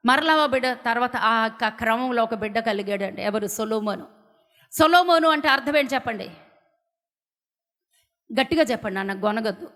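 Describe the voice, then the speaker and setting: High bright fervent woman preacher in a hall. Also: normal speed, pauses often. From India. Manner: fervent, swings from loud declaring to hushed pleading. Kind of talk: sermon. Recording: long hall reverb.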